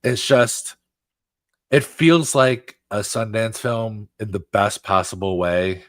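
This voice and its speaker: Male podcast co-host, lower pitch, dry close sound, casual filler-laden delivery. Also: slow, no room sound. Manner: casual, filler-heavy, animated. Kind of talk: casual film review chat.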